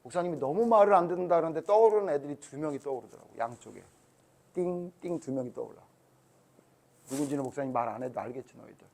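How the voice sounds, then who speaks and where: A male pastor leads a children's Sunday school sermon, turning the Bible story into an animated retelling and acting out each speaker's words. He keeps pulling the children in, asking them question after question by name. His voice sits slightly high for a man. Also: quick pace.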